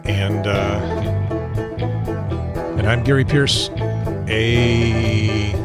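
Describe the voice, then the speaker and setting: A seventy-year-old American man hosts a casual, unscripted talk show, rambling and halting with a wry edge. His husky, unsteady voice sits on the low side with fairly even intonation, and loud music plays over him.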